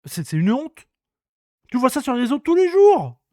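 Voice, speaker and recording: A man around thirty from France rants on his stream in a high, fired-up voice, peppering everything with crude slang and repeating himself for emphasis. The sound is dry and close, with no room in it. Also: wildly swooping pitch, moderate pace, darkish tone, no echo. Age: about 30. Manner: indignant, crude slang, repetitive. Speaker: streamer hosting a free-talk show. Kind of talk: casual ranting monologue.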